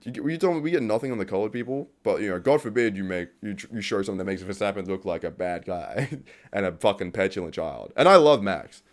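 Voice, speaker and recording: A man's voice: on the low side, expressive, quick pace. A man ranting off the cuff in a profane, exasperated way, laughing at times and reading from his notes as he talks. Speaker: vlogger. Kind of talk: unscripted rant about a TV series.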